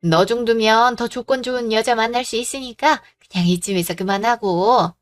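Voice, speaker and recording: A woman's voice: on the high side, normal speed, faint music behind, close to an everyday voice. A woman voicing a pushy, greedy middle-aged mother-in-law who scolds and makes demands, in a storybook drama reading. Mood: scornful.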